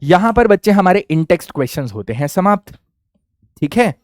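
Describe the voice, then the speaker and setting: A young man teaching physics in a lively classroom lecture, often checking in with his students with quick questions. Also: sits high, no echo, studio quality. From India. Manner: energetic, addresses students as kids, asks frequent check questions. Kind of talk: Hindi-English classroom lecture.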